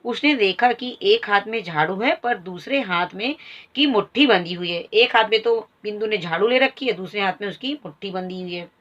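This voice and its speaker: A woman's voice: mid-range voice, animated, normal speed, a bit bright. A woman Hindi teacher explaining a textbook story, reading a line and then re-explaining it in plain words, on a slightly dull recording.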